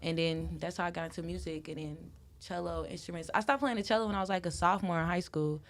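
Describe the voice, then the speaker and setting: Speaking fast at a fairly low pitch, a young woman from Wisconsin chats as a casual interview guest. She's loose and animated, uses "like" a lot, and laughs often.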